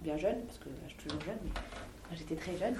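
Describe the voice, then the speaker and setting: A woman's voice: sits low, animated, fast, background noise. A woman band member answering interview questions casually and directly. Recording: roomy, from a distance, faint ambience.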